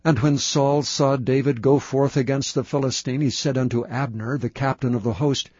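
A man giving a steady, measured, solemn scripture reading. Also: medium pitch, breathy edge, no echo, lo-fi sound. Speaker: Bible reader.

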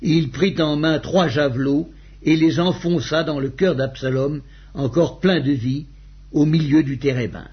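Man, scripture reading, husky voice, measured and solemn, lo-fi recording. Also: a little high, steady tone. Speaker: scripture reader. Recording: dull lo-fi recording.

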